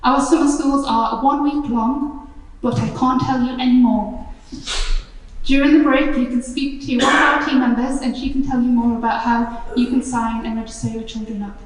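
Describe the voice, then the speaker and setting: A woman with a Northeast English accent hosting a charity event, talking in a friendly, slightly halting way, her voice going hoarse. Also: on the high side, fairly even intonation, a little hiss or hum. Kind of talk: live event presentation. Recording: echoey hall from far off.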